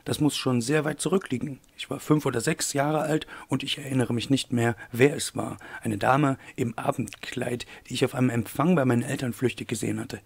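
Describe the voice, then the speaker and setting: Male reader's confessing young man: low, hesitant, raspy grain. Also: fairly even intonation, brisk, few pauses, darkish tone. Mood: reflective. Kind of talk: audiobook reading.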